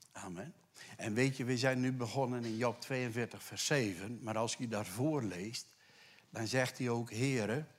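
A man preaching a sermon to a congregation, conversational and animated, dropping to hushed whispers for scripture and rising to loud emphatic bursts. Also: mid-range voice. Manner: conversational asides with tag questions. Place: church.

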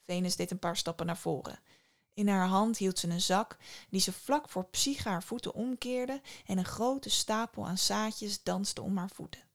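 A woman's voice: medium pitch, normal speed. A woman reading a myth aloud as storyteller, in scripted narration with wry asides.

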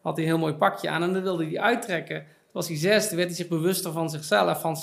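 A man's voice: on the high side, fairly even intonation, fairly quick, vocal fry, fairly bright tone. A middle-aged man, a podcast guest and author, talking reflectively in a casual chat with many fillers and repeated words. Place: podcast studio.

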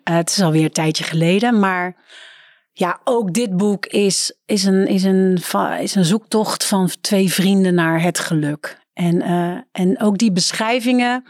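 A woman author from the Netherlands, a podcast guest talking casually and brightly. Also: a little slow, no room sound, clean studio sound. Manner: lively, quotes texts in a higher playful voice.

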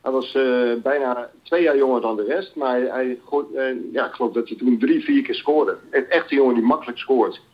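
A man calling into a live football show as an analyst, lively and enthusiastic describing players. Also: mid-range voice, moderate pace, hardly any pauses. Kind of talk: casual call-in commentary. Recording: dull lo-fi phone line.

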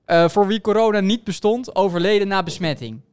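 A man co-hosting a casual podcast, ranting indignantly with many halting restarts. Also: sits high, noisy background. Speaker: podcast co-host. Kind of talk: casual chat.

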